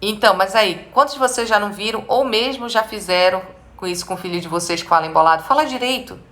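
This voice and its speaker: A woman's voice: mid-range voice, fast, fairly bright tone. A woman with a Brazilian Portuguese accent, a speech therapist giving a live advice talk to parents, speaking emphatically and asking them direct rhetorical questions.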